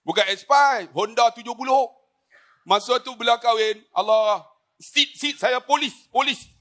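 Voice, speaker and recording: A man's voice: extremely high pitch, unhurried, fairly bright tone. A man, giving a jokey religious forum talk full of stories and asides to the audience. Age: 50s. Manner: jokey storytelling, addresses the audience often. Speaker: religious speaker on a forum panel.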